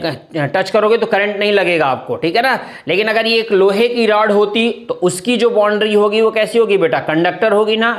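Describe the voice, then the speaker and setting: A male chemistry teacher giving a classroom lecture in with terms, calling students "beta" and asking and answering his own questions. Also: sits high. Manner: calls students "beta", asks and answers his own questions, often says "thik hai na".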